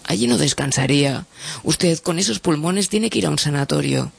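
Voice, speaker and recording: A man's voice: fairly high pitch, animated, moderate pace, gravelly, husky, voice pushed up, exaggerated voice. A man reading a story aloud and voicing an indignant doctor who stresses every word. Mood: soothing. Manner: stern, emphatic, soothing at first. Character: stern adult male doctor, indignant, hot-tempered.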